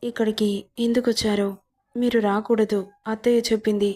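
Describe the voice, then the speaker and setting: A woman voicing a shy, hurt young bride who begs softly in a storybook reading. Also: a little high, level tone, fairly quick, close to an everyday voice. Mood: hurt pleading.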